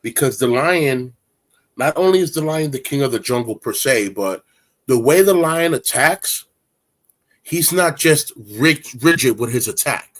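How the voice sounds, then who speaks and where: A man's voice: mid-range voice, expressive, measured pace, fairly bright tone. A man in his forties hosting a casual chat, talking in a rambling, candid, streetwise way. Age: 40s. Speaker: host.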